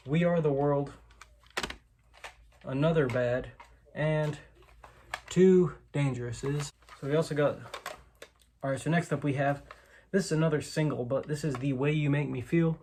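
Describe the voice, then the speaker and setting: A man with a slightly high, warm voice takes his time presenting his collection, pausing often. The show-and-tell is loose and unscripted, full of hedges and self-corrections. You can clearly hear background noise, clicks, and clatter.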